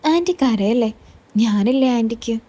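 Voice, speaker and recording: A woman voicing an eager young man who asks gentle questions and consoles. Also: a little high, lively intonation, moderate pace. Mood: consoling.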